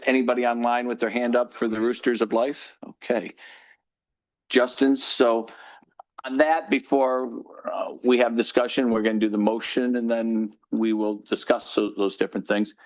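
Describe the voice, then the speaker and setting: A man's voice: mid-range voice, flat delivery, normal speed. A man chairing a city council meeting in council chambers, informal and lightly joking as he calls for public comment.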